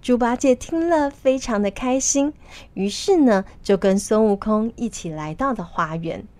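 A woman narrating a children's story in an expressive, animated way. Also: on the high side, measured pace, no echo.

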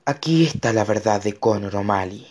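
A man voicing an ancient yew tree monster that speaks in a slow, measured, insistent way. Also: lowish voice, animated, a little mellow. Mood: solemn.

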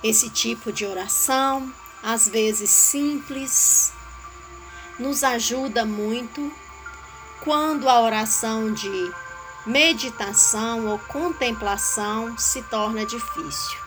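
A woman giving a calm, measured devotional teaching on a way of praying. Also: on the high side, over music, poor audio. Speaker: spiritual guide.

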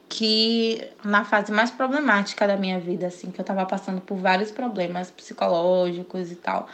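A woman sending a casual, chatty and heartfelt voice message to a podcast. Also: mid-range voice.

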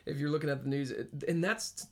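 A man co-hosting a podcast in casual fan chat, talking excitedly and rambling, with frequent laughs. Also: fairly high pitch, quick pace. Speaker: podcast co-host.

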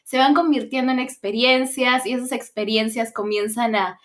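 A woman hosting a casual podcast, playful and quick with jokes. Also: on the high side, steady tone. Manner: playful, joking interjections. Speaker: podcast host.

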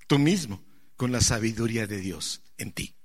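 A man preaching a sermon, impassioned and rising to near-shouts, putting questions straight to his congregation. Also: fairly low pitch. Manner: addresses the congregation directly with questions.

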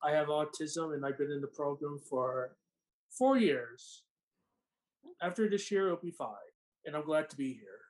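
A man in his thirties from California introducing himself carefully and a little haltingly. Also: a little high, a little mellow, poor audio. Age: 30s.

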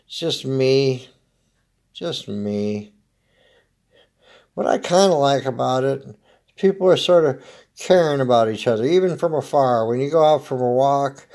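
This mid-range, slightly mellow voice belongs to a man in his fifties from Oregon in the United States, roughened by a smoker's rasp. As a podcast host, he delivers a dry, laid-back comedic monologue that rambles casually.

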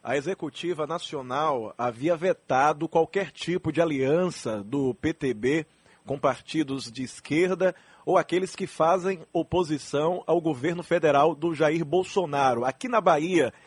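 A man reporting on the radio in a formal, measured way. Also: on the high side, breathy edge, no room sound. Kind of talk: scripted news report.

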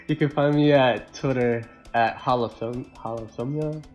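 A man chatting casually on a podcast in a laid-back, slangy way, often halting and repeating words. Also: mid-range voice, steady tone, muffled recording, music in the background. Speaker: podcast co-host or guest. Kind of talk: casual chat.

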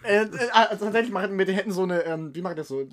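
A young man co-hosting a podcast, excitable and rambling in casual chat. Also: high-pitched, fast. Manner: excitable, rambling, prone to loud outbursts. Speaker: podcast co-host.

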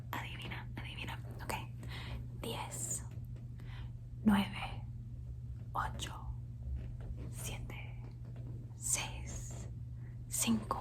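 A woman from Colombia whispering a casual ASMR ramble, switching between Spanish and English and softly repeating words over and over. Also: mid-range voice. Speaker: ASMR creator. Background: faint thunderstorm sounds.

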